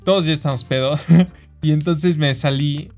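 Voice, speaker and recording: Mexican man, slangy animated storyteller. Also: on the high side, normal speed, soft background music. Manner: animated storyteller, acts out quoted voices, slangy, says güey constantly. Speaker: podcast co-host. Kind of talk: casual chat.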